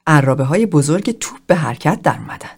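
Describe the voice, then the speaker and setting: A woman reading a novel aloud as an audiobook narrator, in calm, even storytelling. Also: deep voice, husky. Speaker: audiobook reader. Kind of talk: scripted narration.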